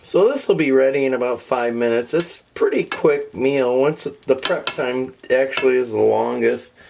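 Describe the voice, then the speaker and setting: A woman's voice: very deep voice, moderate pace, vocal fry, a little mellow, a little hiss or hum, poor audio. A woman hosting a casual cooking show in her home kitchen, chatting to viewers in a homey way while she is losing her voice, with a sizzling pan behind her. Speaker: home cook host. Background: sizzling pan and kitchen sounds.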